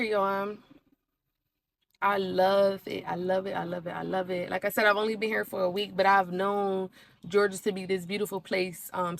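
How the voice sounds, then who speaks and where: A young woman, chatting to the camera in an emotional, animated way about her move. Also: on the low side, vocal fry. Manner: emotional, animated storytelling with laughs. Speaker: vlogger. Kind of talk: casual chat to camera.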